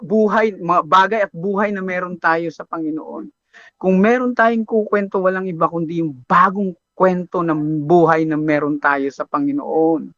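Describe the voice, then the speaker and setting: A man preaching a sermon, telling stories in an animated way and slipping into English phrases. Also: high voice, dry recording, lo-fi sound. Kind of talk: Filipino sermon.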